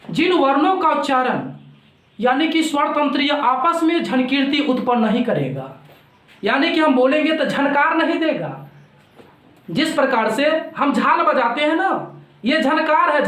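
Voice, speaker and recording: Slow-talking teacher in a roomy echo. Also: male voice, very high-pitched, expressive, a bit bright. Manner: repetitive, explanatory, asks questions and answers them himself. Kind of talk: classroom grammar lesson.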